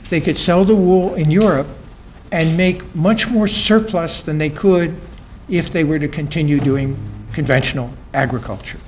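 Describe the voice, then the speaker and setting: In a conference room, a male panel speaker with a slightly high, somewhat mellow voice gives an academic talk to a live audience. His voice drops and trails off at the ends of phrases, and he emphatically repeats key phrases. The recording is low quality, with faint room noise.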